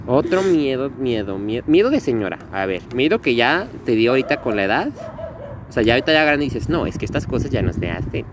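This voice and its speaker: A man with a Mexican accent co-hosting a podcast in casual chat, dramatic and quick to laugh. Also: medium pitch, background noise. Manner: animated, dramatic, acts out quoted voices, laughs often. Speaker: podcast co-host.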